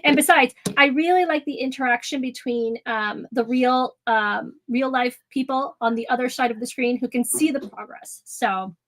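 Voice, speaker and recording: With poor audio, a high-voiced woman speaks at normal speed with hardly any pauses while hosting an art livestream from her home room. Soft music plays as she chats loosely with viewers, full of ums, restarts, and easy laughter.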